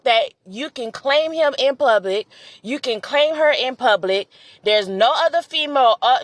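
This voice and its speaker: A young woman talks straight to camera in a loose, chatty vlog monologue, blunt and full of swearing. Her voice sits a bit high for a woman. The sound is dry and close, with no room around it. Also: a bit bright, no room sound. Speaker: vlog host. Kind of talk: casual opinion monologue to camera.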